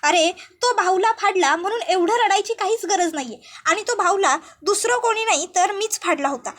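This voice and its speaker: A woman's voice: very high voice, moderate pace, a bit bright. Woman voicing a jealous, taunting young rival. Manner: taunting, defiant.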